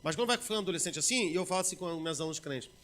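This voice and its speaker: With lively intonation and a rapid-fire delivery, a Brazilian man gives a sermon that veers between loud bursts and hushed murmurs, acting out ordinary quotes in casual asides.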